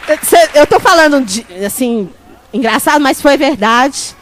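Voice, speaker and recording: A woman bishop preaching a sermon, telling a personal story with lively animation and calling out to the congregation. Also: high voice, measured pace, slight background noise. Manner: animated storytelling, shouting at peaks; lively, laughing, addresses crowd as "gente".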